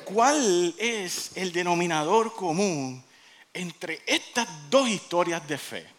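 A man's voice: high voice, takes it slowly. A man pastor, preaching a sermon through dramatic, theatrical stories. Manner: animated, theatrical storytelling. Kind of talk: sermon storytelling.

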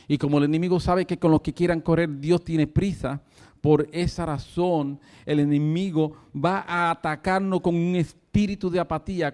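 A man's voice: a little high, mellow. A man preaching a sermon, telling a story with fervent energy and breaking into laughter. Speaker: pastor.

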